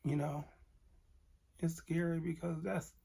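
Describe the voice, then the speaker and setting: A man's voice: a little high, flat delivery, slow, vocal fry, mellow, breathy edge. A man vlogger telling an emotional storytime to camera, candid and earnest, talking straight to his viewers.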